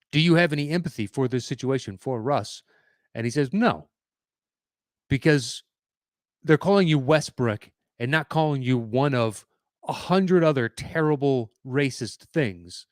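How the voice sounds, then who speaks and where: A man's voice: medium pitch, no room sound, studio quality. A man hosting a podcast, giving opinionated solo commentary in a conversational way with fillers and restarts. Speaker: podcast host.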